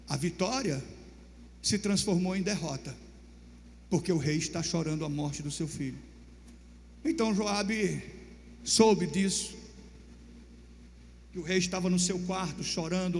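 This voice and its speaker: A pastor preaching, retelling a story dramatically with loud shouted bursts. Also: male voice, high voice. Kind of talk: sermon storytelling. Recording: long reverb, faint hum.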